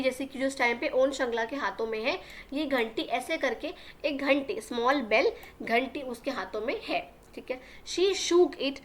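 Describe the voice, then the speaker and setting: A young woman teaching an English lesson to young children. She reads the English lines slowly, explains them in Hindi, and repeats words with little check-ins. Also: high voice, fairly bright tone.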